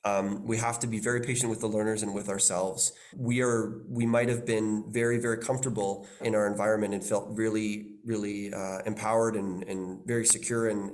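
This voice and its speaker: Thoughtful, lower-voiced man instructor. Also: a little mellow. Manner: thoughtful, repeats words as he searches for phrasing. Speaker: language instructor. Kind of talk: webinar presentation.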